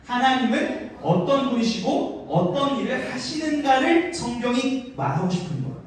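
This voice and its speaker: A man in his thirties giving a lively youth sermon, acting out voices and leading the room in call-and-response. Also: extremely high pitch, normal speed. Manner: animated, acts out voices and leads call-and-response. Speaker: youth pastor. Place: church hall, live service. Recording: very echoey hall, mic from a distance.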